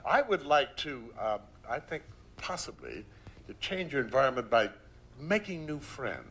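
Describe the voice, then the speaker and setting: A man's voice: mid-range voice, very animated, moderate pace, a bit bright, slight background noise. A man with wry, self-mocking humour, chatting as a game show contestant.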